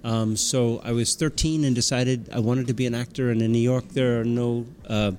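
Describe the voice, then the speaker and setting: A man's voice: mid-range voice, fairly even intonation, normal speed, a little mellow, a little hiss or hum. A man from the United States answering interview questions, telling his story in a reflective way. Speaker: actor interview guest.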